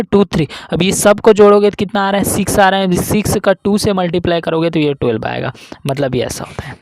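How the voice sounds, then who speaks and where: A man with a fairly high voice teaches an online reasoning class for entrance exams. He keeps posing questions and answering them, slipping into the students' voice now and then. The sound is dry and close. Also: vocal fry, a little mellow, no echo. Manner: asks and answers his own questions, voicing students. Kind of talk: online exam-prep lesson.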